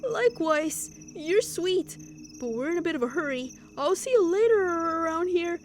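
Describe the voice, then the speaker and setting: A woman voicing a friendly, teasing young woman neighbor in a game, chirpy and bright. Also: very high voice, animated, normal speed, slight background noise, pitched above the performer's own voice. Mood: cheerful.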